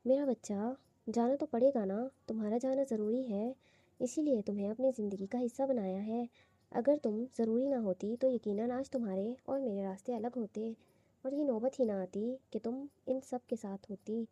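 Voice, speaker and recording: A teasing, romantic young husband, read by a woman in a coaxing, playful tone. The voice is husky and very mellow, fairly high for a woman, with a close, dry sound. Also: no echo, dull audio. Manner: coaxing, playful, lightly reading.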